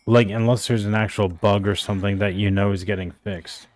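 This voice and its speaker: A man's voice: fairly low pitch, steady tone, fairly quick, darkish tone. A man streaming a game, chatting loosely and unsure of himself, with lots of "like" and "I think" as he talks. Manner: rambling and unsure, full of "like" and "I think". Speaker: gaming streamer. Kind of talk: casual chat while gaming.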